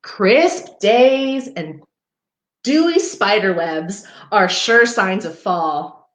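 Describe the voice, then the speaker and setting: Reading a children's picture book aloud for a parks program, a woman speaks very slowly in an expressive, mid-range voice with a fairly bright tone. She adds chatty asides for her young listeners, and the recording sounds roomy and echoing.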